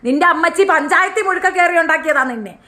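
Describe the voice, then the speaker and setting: High-voiced woman ranting, scolding. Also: expressive, fast talker, bright, forceful tone. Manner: scolding, confrontational, taunting. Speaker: channel host. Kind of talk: heated rant to camera.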